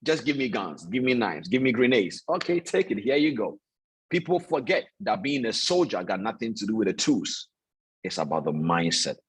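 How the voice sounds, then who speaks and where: A man coaching traders on an online video call. He preaches in an animated way, repeats his points for emphasis and keeps asking his listeners if it makes sense. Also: medium pitch, breathy edge, low-quality recording. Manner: talks directly to listeners, asks "does that make sense?". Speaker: trading coach. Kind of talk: motivational online call lecture.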